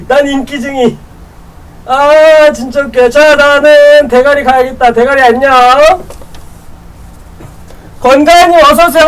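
A woman streaming a game live, teasing other players in loud banter and laughing often; her voice sits a little off-mic. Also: high-pitched, recorded from a distance, low-quality recording. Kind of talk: live gameplay chat with viewers.

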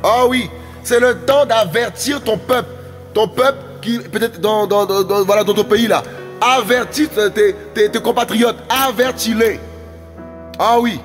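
A high-pitched man delivers a fiery, exhorting sermon, hammering phrases again and again. His voice rings through a long, echoing hall with faint music underneath. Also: unhurried. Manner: shouting and exhorting, repeating words. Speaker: preacher.

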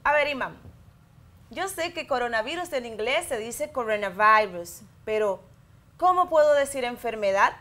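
A Dominican woman in her thirties, an English teacher, giving a televised lesson to schoolchildren and slowly modelling sentences in both languages with a Dominican Spanish accent. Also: a little high, animated, fairly bright tone. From Dominican Republic. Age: 30s. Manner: slow, clear bilingual explaining, modelling words for repetition.

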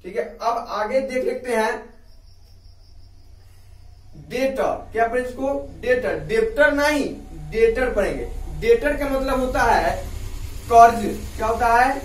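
A man with an Indian accent gives an English lesson, asking questions and then answering them himself. His voice sits high. The sound is echoey and a bit distant from the mic. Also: measured pace, pauses often. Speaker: English teacher. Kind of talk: video lesson.

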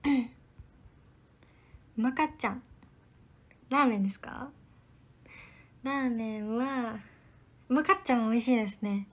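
On her livestream, a young idol trainee politely answers comments from viewers, now and then lowering to soft whispered asides. She speaks a little slowly with a fairly high pitch and pauses often.

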